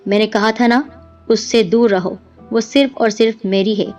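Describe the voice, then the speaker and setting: A woman voicing a jealous, possessive male jinn who threatens in a slow, menacing way. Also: a little high, fairly even intonation, a little mellow, recorded from a distance, lightly acted. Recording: dull lo-fi with music behind.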